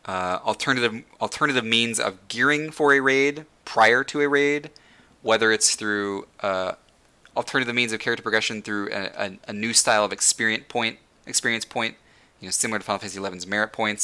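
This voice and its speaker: A man's voice: lowish voice, pushed and bright, smooth. A man hosting a casual gaming discussion, rambling with many fillers and restarts, saying he is losing his voice. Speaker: podcast host.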